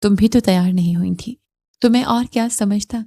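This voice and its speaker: A woman's voice: medium pitch, warm tone, natural voice. A woman reading a blunt, possessive young husband. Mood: brusque. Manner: blunt, curt demands.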